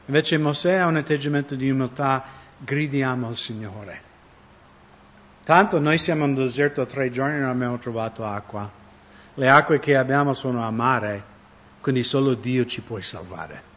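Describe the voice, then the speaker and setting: A man's voice: medium pitch, moderate pace, a bit bright. A man preaching a conversational sermon, often asking his listeners questions. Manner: conversational, asks the audience questions. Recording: dull lo-fi recording.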